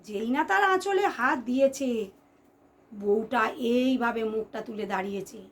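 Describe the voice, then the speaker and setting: A high-voiced woman who hosts a channel tells ghost stories dramatically at a measured pace, with music in the background. She's expressive, speaks to listeners as friends, and repeats phrases to build suspense.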